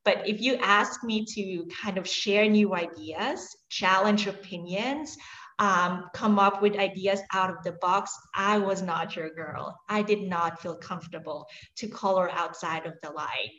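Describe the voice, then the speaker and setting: A woman's voice: medium pitch, fairly even intonation, unhurried, fairly bright tone. Swiss woman guest in a roomy, dull recording. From Switzerland. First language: Swiss German. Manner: open and reflective, laughs often, many fillers. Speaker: guest, high-performance coach. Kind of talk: conversational interview.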